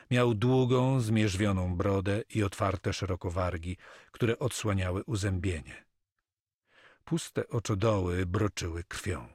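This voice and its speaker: A man narrating an adventure audiobook in a steady, measured way. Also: fairly low pitch, no echo, studio quality. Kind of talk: scripted narration.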